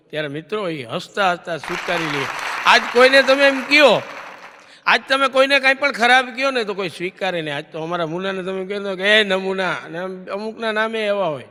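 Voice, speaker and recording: A high, bright-voiced man tells comic stories from a stage, his voice ringing through a reverberant hall. He is animated and keeps turning the punchline back to the audience as a question. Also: brisk, a faint crowd. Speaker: stage comedian. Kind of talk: comic storytelling to a live audience.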